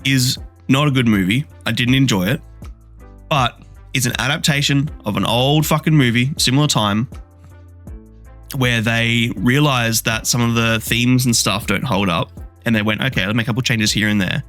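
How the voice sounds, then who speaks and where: Faint music plays behind a male podcast co-host chatting casually about a movie. He speaks at a moderate pace in a mid-range, slightly bright voice, and his review turns into a blunt, profanity-heavy rant that grows more energetic.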